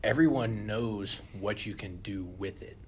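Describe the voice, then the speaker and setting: A young man co-hosting a podcast in casual chat, animated and often turning to listeners with "listen". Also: fairly low pitch, a little slow, a little hiss or hum. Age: young adult. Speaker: podcast co-host.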